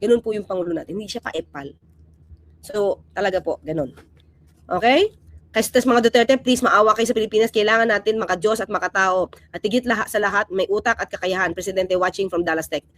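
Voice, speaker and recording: Her voice is medium-pitched and fairly quick as she runs a casual political commentary vlog. She talks animatedly and with emphasis, moving between loud and quiet, and repeatedly throws the rhetorical question "di ba?" at her viewers.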